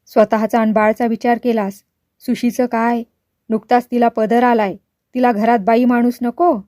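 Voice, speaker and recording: A woman reading the lines of a stern, hot-tempered older father in a storybook, gruff and scolding. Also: on the high side, level tone, moderate pace, no room sound, clean studio sound, natural voice. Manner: gruff, scolding, shouting in anger.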